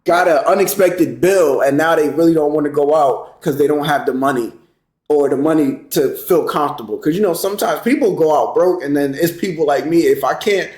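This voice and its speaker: Relaxed man chatting in an echoey room. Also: on the high side. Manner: relaxed, conversational, drawn-out storytelling. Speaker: podcast co-host. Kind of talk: casual chat. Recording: roomy echo.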